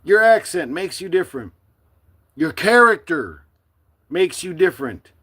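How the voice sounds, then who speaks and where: A middle-aged man from the United States speaking to his livestream viewers in a forceful, defiant, preachy monologue. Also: sits high, big pitch swings, measured pace, slightly rough. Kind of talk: impassioned live-stream monologue.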